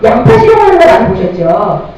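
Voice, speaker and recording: A woman's voice: medium pitch, a little fast. Middle-aged woman lecturing in an echoey hall. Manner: lively, addresses audience with questions. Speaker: parenting lecturer. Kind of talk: parenting lecture to an audience. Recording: distant mic, dull lo-fi sound, echoey hall, noisy.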